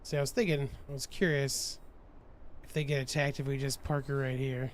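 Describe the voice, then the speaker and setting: A man's voice: medium pitch, little pitch movement, normal speed, a little hiss or hum. Chatty laughing man gaming. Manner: chatty, laughs often, trails off and restarts. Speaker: gaming channel host. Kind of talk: casual let's-play chat with teammates.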